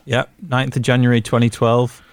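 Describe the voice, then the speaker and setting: A man's voice: mid-range voice, little pitch movement, normal speed, clear, resonant tone. Man hosting a football podcast. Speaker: podcast host. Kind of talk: casual sports chat.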